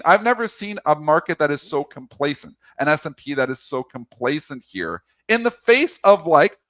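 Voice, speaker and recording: A man talking markets with loud, emphatic passion. His pitch sits a bit high and swings widely as he repeats each point for emphasis. The sound is close and dry. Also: no room sound. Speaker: co-host of a market show. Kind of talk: casual market talk.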